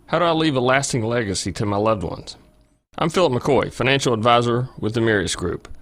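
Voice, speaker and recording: A man's voice: medium pitch, fairly bright tone, no echo. Guy reading his financial advisor ad, medium voice, no room sound at all. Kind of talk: scripted ad read.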